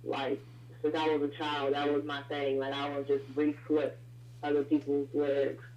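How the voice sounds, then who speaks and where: A woman's voice: low-pitched, monotone, moderate pace, a little mellow. Lady rapper calling in, phone line echo, dull muffled sound, chatty with lots of um and like. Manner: loose and chatty, many fillers. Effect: phone line with echo and feedback. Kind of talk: casual call-in interview.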